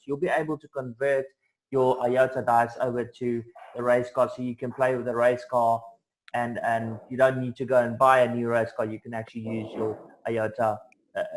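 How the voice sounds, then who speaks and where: A man presenting an online sales pitch over a video call, upbeat and salesy, with plenty of ums and uhs. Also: low-quality recording.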